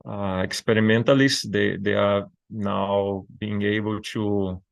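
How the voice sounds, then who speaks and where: A man's voice: on the low side, fairly even intonation, takes it slowly, gravelly, no echo. A man giving an academic seminar lecture over a video call, often repeating words as he goes. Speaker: invited seminar speaker. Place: Brazil. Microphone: video call microphone.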